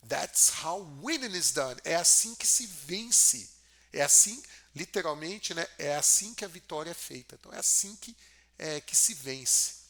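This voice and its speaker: Bright-voiced male English teacher. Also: on the high side, animated. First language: Portuguese. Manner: repeats lines then explains slowly. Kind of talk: film-clip language lesson.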